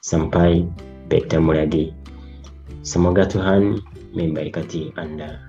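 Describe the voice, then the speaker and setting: A young man with a Ugandan accent speaks Indonesian as a foreigner would, in simple, halting phrases. His voice is low and mellow, and he takes his time, speaking slowly through a personal testimonial. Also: fairly even intonation, lo-fi sound, soft background music. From Uganda, East Africa. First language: not Indonesian, learned as a foreigner. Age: young adult. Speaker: international master's student.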